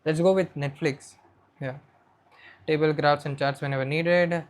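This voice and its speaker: A man's voice: on the high side, steady tone, a little slow. Indian English man, student tutor, casual screen-share lesson, talks his steps through aloud. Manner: chatty, thinks aloud while working on screen. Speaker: educator for accounting students.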